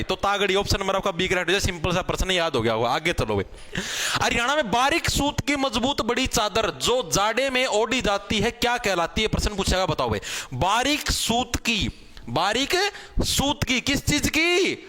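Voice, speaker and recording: High-voiced Haryanvi teacher explaining to students. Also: male voice, very animated, normal speed, pushed and bright. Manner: repetitive, addresses students as bhai, checks with "theek hai"; shows cloth samples while explaining. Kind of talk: exam-prep general knowledge lesson.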